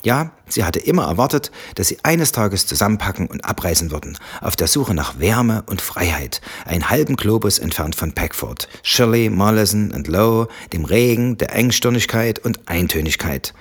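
A man narrates an audiobook in a calm, even storytelling voice. His tone sits low and a little husky, steady from line to line. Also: normal speed, few pauses. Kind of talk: scripted narration.

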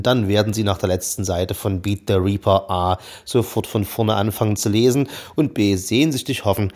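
A man's voice: lowish voice, a little mellow. A man reading aloud a book review in ironic, long-winded sentences.

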